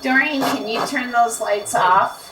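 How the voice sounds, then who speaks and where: Higher-voiced woman questioning spirits, echoey and distant. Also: unhurried. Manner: repeats and interprets short replies, asking question after question. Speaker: paranormal investigator hosting a spirit box session. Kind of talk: questioning spirits aloud, pausing for replies. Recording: echoey, distant mic, noisy with clicks.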